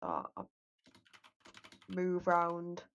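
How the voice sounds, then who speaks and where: Woman, lowish voice, casual tabletop player, slightly muffled lo-fi sound. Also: sing-song, extremely slow. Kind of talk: casual game chat.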